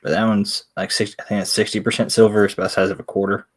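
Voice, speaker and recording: A man's voice: on the low side, flat delivery, fast, noisy background. A man with a Tennessee accent chats casually and folksily on a live sales stream, a bit self-deprecating. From Tennessee, USA. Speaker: coin seller.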